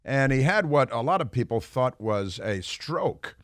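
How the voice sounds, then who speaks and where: A man's voice: mid-range voice, lively intonation, a little slow, fairly bright tone, no room sound. American male talk radio host, dry studio sound. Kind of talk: opinionated political talk radio with live-read promos. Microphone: close studio microphone.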